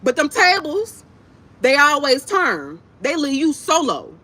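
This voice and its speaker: A livestream host eats while chatting casually to her viewers, delivering a blunt, impassioned monologue in emphatic, repetitive, profane slang. Her voice is high-pitched and sing-song, measured in pace, bright and forceful. The recording is clear with some background noise.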